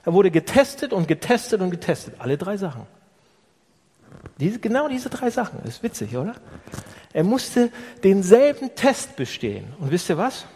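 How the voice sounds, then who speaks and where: Husky, animated preacher in a reverberant hall. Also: male voice, high-pitched, normal speed. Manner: animated, with rhetorical questions to the congregation. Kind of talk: sermon. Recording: long reverb of a large hall.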